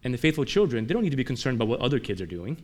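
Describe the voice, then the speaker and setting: Conversational preaching man, mid-pitched. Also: very animated, rapid-fire. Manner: conversational preaching with rhetorical questions; swings between emphatic and quiet. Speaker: pastor. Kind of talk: sermon.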